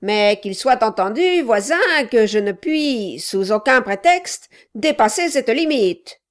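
A woman reading aloud voicing a scheming male dwarf who talks loudly and insistently with false friendliness. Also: on the high side, animated, slow pace, voice pushed up. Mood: pushy.

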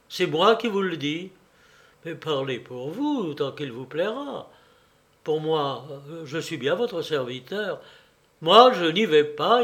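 Man reading as a jovial teasing young gentleman. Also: a little high. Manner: mocking, playful. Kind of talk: audiobook character reading.

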